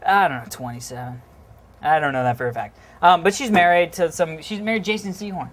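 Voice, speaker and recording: A man co-hosting a casual chat show, joking around loudly and swearing freely. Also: on the high side, fast, a little hiss or hum. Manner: animated, profane, joking. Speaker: co-host.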